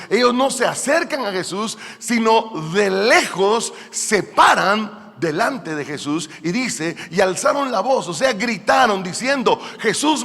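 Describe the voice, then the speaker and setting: A fervent male pastor with a high voice preaches in a church, calling out to his congregation. He drops into soft asides, then rises into loud, emphatic calls. A long hall reverb trails after each phrase. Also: gravelly. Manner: fervent preaching, addresses listeners as "hermano". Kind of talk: sermon.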